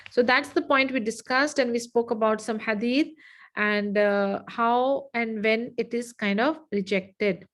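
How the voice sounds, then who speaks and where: A woman leads an online lesson, speaking in a somewhat high voice. She dictates slowly and repeats phrases so her students can take notes. The sound comes through a video call. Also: low-quality recording. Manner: slow, repetitive dictation with frequent "okay". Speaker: Islamic studies teacher.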